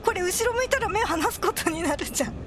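A woman commentating on a horror game as she plays, excitable and prone to crying out when scared. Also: extremely high pitch, fast talker, noisy background. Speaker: video game player.

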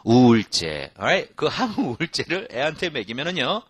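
Lively joking Korean English teacher. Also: male voice, medium pitch, husky, no room sound. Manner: lively, joking, repeats phrases slowly and spells them out letter by letter. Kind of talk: casual spoken English lesson.

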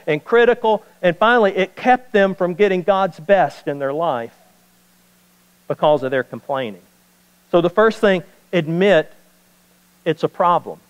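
A man with a high-pitched voice preaches to his congregation. He speaks emphatically and repeats his main points. The sound carries a long reverb from the church hall. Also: clean tone. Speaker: pastor. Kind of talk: sermon.

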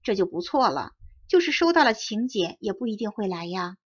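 A woman's voice: medium pitch, big pitch swings, fairly quick, breathy edge. Jolly woodpecker, light voice woman reader, fairy-tale audiobook, dull audio. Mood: amused. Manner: laughing, easygoing. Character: great spotted woodpecker, jolly. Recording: dry dull close recording.

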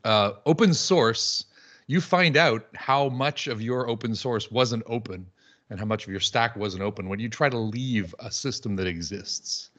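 A man's voice: lowish voice, a little slow, a bit bright, lo-fi sound. A man speaking as a panelist on a video call, talking in a witty, conversational way with fillers. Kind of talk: conference talk on a video call.

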